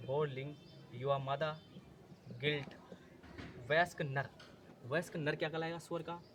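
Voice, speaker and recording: A man with a somewhat raised pitch teaches an exam-prep lesson. He drills each term by asking a question and answering it himself, stopping often to correct his slips. Faint background noise runs under his voice. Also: a bit bright. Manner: repetitive, asks and answers own questions.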